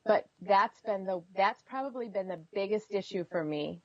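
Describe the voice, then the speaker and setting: A middle-aged woman telling personal stories candidly in an expressive, conversational way, as an interview guest. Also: mid-range voice, moderate pace, dry recording, highs cut off. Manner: expressive, acts out reported dialogue.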